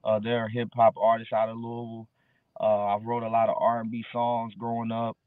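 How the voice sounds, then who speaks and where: A man's voice: mid-range voice, completely flat delivery, brisk, dry recording. A man in his early thirties, a guest musician talking casually in street slang on a video call. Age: early 30s. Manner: laid-back street slang, fillers like bro. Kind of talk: casual interview chat. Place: dark room at home. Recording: dry, tinny phone-like video call.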